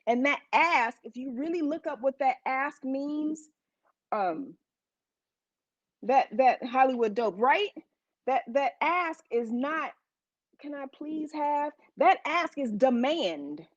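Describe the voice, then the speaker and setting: Casting note: woman preacher, higher voice, chatty and emphatic sermon delivery, close dry lo-fi recording. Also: animated, takes it slowly, dry recording. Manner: conversational, emphatic storytelling to a congregation.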